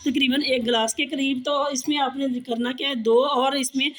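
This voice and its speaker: A woman's voice: high voice, fairly even intonation, normal speed, a bit bright. A woman with a Pakistani Urdu accent giving a casual kitchen how-to demonstration. She has a sore throat and a cough, and she talks in a chatty, repetitive way, often addressing viewers as ji. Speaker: home cooking and tips vlogger.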